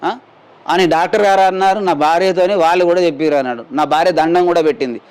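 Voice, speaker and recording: A man's voice: on the high side, fast, darkish tone, clear, resonant tone. A middle-aged man, telling an interviewer in a plain, rambling way what happened to him and quoting the people he met. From Telangana, India. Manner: plain rambling retelling, quotes others in dialogue. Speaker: injured mine worker telling his story. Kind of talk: spoken testimony to a news camera.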